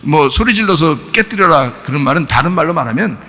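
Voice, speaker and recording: A male pastor preaches with a high, lively voice that leaps up and down in pitch. His tone is bright and forceful, and he fires questions at the congregation and bursts into shouts. A long hall reverb trails behind him. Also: a little fast. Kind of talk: sermon. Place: church sanctuary.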